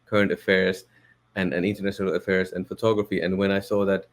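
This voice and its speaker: A man's voice: deep voice, level tone, fast talker. A man from Finland, a Finnish speaker, talking in a podcast interview as a guest, thoughtful and hesitant with many fillers and restarts. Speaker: guest, photo editor.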